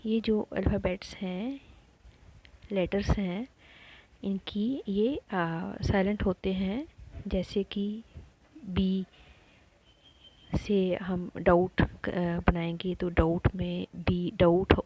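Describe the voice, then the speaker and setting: A woman teaching a lesson on her own channel, talking slowly and patiently, repeating words and pausing often with fillers. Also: medium pitch, steady tone, darkish tone, slightly rough, rough recording. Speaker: teacher running an education channel. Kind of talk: slow spoken lesson on spelling.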